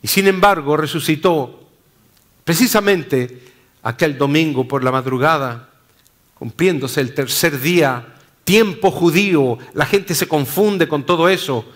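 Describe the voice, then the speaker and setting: A man pastor preaching a sermon in slow, deliberate phrases, dropping low and soft at the ends.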